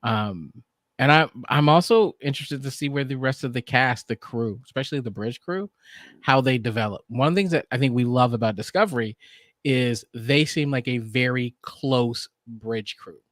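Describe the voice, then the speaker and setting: A man's voice: medium pitch, fairly bright tone, no room sound, clean studio sound. A man co-hosting a podcast, chatting casually about an episode, often restarting his sentences. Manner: halting, with frequent restarts and um's. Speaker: podcast co-host. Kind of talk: casual review chat.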